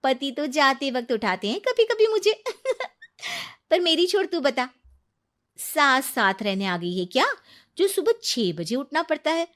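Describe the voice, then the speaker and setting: A woman's voice: high voice, measured pace, full character voice. A woman voicing a cheerful young wife who teases and advises her friend in a cartoon story. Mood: teasing. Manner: teasing, lively. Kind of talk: cartoon voice acting.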